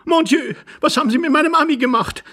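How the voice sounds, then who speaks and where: A man voicing a hysterical fine lady who shrieks in frantic, high bursts and throws in French exclamations. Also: fast, sharp tone. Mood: shrieking hysteria.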